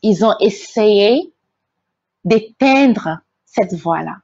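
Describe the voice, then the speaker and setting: A woman's voice: mid-range voice, lively intonation, extremely slow, a little mellow, no room sound, lo-fi sound. A woman from Togo, hosting a faith-based inspirational talk. She speaks earnestly, repeats her key phrases and stumbles over repeated words. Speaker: host, motivational speaker.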